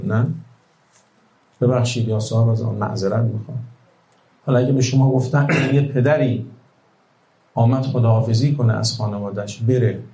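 Gravelly-voiced man preaching a sermon. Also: mid-range voice, roomy sound, poor audio. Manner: impassioned, rhetorical, swings between hushed and loud. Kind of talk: religious sermon.

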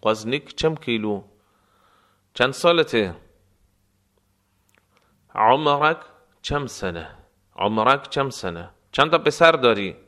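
Man teaching phrases by slow repetition. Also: medium pitch, lively intonation, bright, forceful tone. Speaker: language teacher. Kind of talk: spoken phrase lesson with repetition.

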